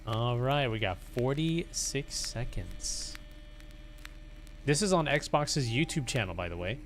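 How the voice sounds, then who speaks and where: Animated yet slow, a male livestream host with a mid-range voice rambles casually to his viewers, hesitating and often repeating himself. A little hiss or hum can be heard in the recording.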